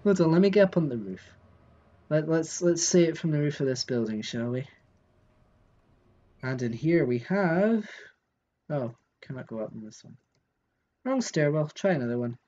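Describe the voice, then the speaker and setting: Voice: mid-range voice, lively intonation, normal speed, long pauses, warm tone, muffled recording. A live streamer giving casual commentary while playing a game, thinking aloud and answering chat.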